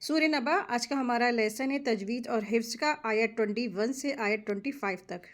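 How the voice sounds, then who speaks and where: A woman teaches Quran recitation step by step, explaining each rule quickly and then reciting words slowly as examples. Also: a little high. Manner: slow, drawn-out model recitations between quick explanations. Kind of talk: step-by-step tajweed lesson.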